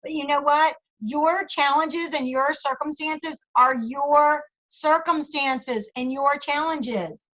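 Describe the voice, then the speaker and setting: A woman leading her sales team in a motivational talk on a video call, chatty and energetic, repeating phrases for emphasis. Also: high voice, slow pace, hardly any pauses, low-quality recording.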